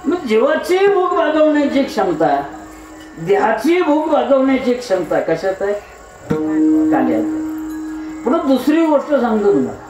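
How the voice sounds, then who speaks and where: A man's voice: very high voice, a little mellow. A man preaching a devotional kirtan sermon, posing rhetorical questions and answering them himself with wordplay. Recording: echoey hall, mic at a distance, music behind.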